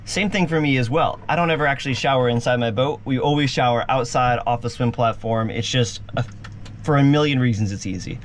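A man of middle pitch walks viewers through the cabin of a sailboat. He is chatty and upbeat, speaking right to the audience, with a faint hiss of background noise behind him. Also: fairly quick. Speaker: vlog host giving a boat tour. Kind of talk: casual guided tour.

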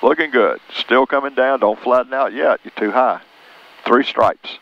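A man's voice: medium pitch, unhurried. An older man coaching a flying student in short, instructive remarks over a cockpit headset. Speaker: flight instructor. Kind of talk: coaching during a flying lesson. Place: small light aircraft cockpit. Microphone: aviation headset boom mic. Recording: muffled headset intercom, faint engine noise.

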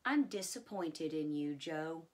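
A woman's voice: deep voice, lively intonation, slow pace. A woman reading the lines of a frustrated middle-aged man who runs a film studio, in a blunt, scolding way.

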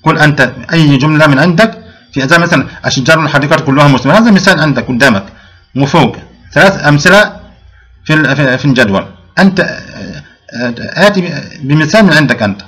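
A man's voice: on the high side, lively intonation, fairly bright tone, slightly rough. A male grammar teacher. He explains a lesson step by step, asks his pupils questions, answers them himself, and often restarts his sentences. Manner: frequent restarts and drawn-out fillers. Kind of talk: recorded classroom lesson.

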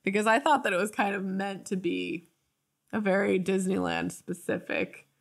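A woman's voice: medium pitch, lively intonation, normal speed, gravelly. A young woman co-hosting a podcast, chatting casually and upbeat at a desk mic in a small studio. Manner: upbeat, laughs along, chimes in. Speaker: podcast co-host. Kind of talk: casual chat. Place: small studio set, indoors. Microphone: desk mic on stand.

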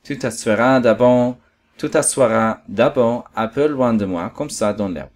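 A man voices a lonely storybook fox, giving him gentle, earnest pleas full of wistful patience. He speaks unhurriedly in a natural, medium-pitched voice.

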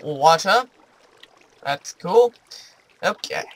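A man's voice: high-pitched, animated, very slow. A man doing let's play commentary, jumpy and chatty, talking to the creatures in his game. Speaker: gaming video host.

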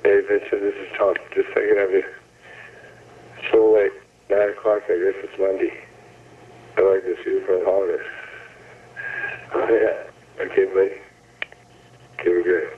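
A man with a slightly low voice rambles casually into an answering machine. The phone line is thin and distant, with faint noise behind him. He sounds like he is making friendly small talk. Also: little pitch movement, moderate pace, long pauses. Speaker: caller leaving a phone message. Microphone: telephone line into answering machine. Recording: tinny, noisy, distant answering machine tape.

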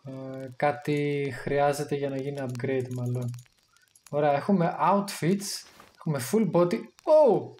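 A man giving casual gameplay commentary, chatty and excitable, thinking aloud as he plays. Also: on the high side. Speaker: gamer streaming his play.

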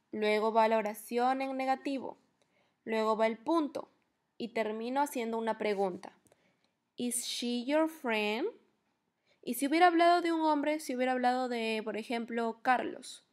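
A young woman from Peru teaching English to children in a lively online lesson, asking questions and slowing down to model each English phrase. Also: a little high. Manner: lively, questioning, slows to spell out English words.

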